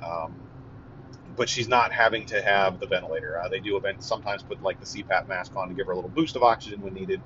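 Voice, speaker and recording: A man giving a casual, earnest update, halting with many fillers and restarts. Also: sits low. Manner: earnest and relieved. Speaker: vlogger giving a family update. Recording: dull lo-fi audio with faint vehicle noise.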